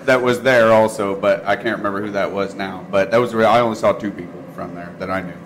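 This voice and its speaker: A man's voice: lowish voice, steady tone, fast talker. A man chatting casually as a show co-host in an easygoing, meandering stoner manner. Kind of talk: casual unscripted chat. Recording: clearly noisy live room recording.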